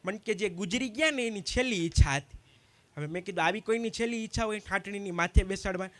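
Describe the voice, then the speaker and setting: A man telling stand-up jokes to a community gathering, swapping quickly between the sides of each dialogue. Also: sits high. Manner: quick anecdotal storytelling, acting out both sides of each exchange. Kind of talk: live stand-up joke telling.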